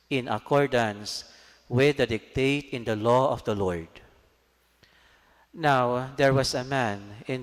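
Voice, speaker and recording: A man reading scripture as a priest at Mass, solemn, measured and formal, with cathedral echo around his voice. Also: medium pitch. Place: large church, amplified. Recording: cathedral echo, long church reverb.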